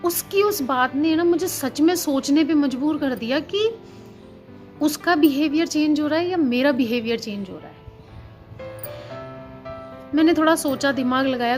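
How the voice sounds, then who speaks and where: Earnest Indian mom vlogger, fairly high voice. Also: female voice, moderate pace, soft background music. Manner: earnest, repeats herself, mixes English words in. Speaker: vlogger, housewife and teacher. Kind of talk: casual chat about parenting.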